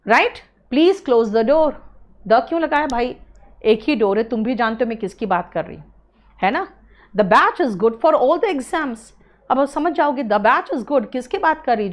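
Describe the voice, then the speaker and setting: A young Indian-accented woman teaches an English class from a small studio, with a fairly high voice. Her pitch swings widely as she explains patiently, and she slows right down to spell out example phrases for her students. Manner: explains patiently, addresses students as beta, drills pronunciation slowly. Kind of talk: online exam-prep class lecture.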